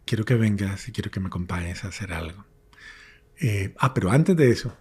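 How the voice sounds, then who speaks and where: A priest, an older man, earnestly telling his life testimony in an interview and dropping to a hush when recalling his prayers. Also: fairly low pitch, breathy edge. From Colombia. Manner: earnest storyteller, drops to hushed whispers when recalling prayers.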